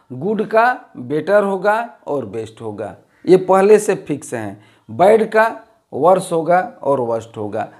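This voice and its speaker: A man's voice: on the high side, darkish tone. A man teaching a grammar lesson, explaining step by step and repeating each rule. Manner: rises on new points, drops at line ends.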